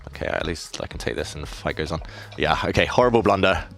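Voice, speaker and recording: A man's voice: sits low, quick pace, fairly bright tone, soft background music. A man streaming chess live in casual commentary, chatty and self-deprecating, reading out viewers' questions.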